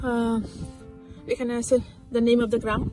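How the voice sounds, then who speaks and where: A woman's voice: on the high side, flat delivery, measured pace, warm tone, faint music behind. A woman from Bangladesh, a travel vlogger, chatting casually to camera from a clifftop by the sea, often repeating and restarting her words. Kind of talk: casual vlog talk to camera.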